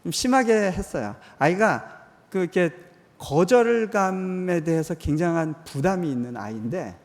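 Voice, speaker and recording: A man's voice: sits high, expressive, unhurried. A man in his forties delivers a conversational sermon with a slightly raised voice. His words ring out into a large hall with a long reverb tail. He tells personal stories and shifts his voice to act out the people he quotes. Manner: conversational, acts out quoted voices, drops soft for tender moments. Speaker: missionary preacher.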